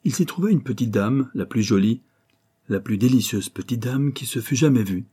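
A man's voice: mid-range voice, lively intonation, normal speed, warm tone, breathy edge. A man voicing a tall, graying archaeologist who tells a tale in a commanding, storytelling manner. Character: tall weathered graying male archaeologist, authoritative.

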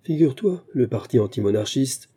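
A man's voice: medium pitch, expressive, fairly quick, mellow, husky. A man reading the part of a cool, dreamy young businessman in an audiobook, curt and detached.

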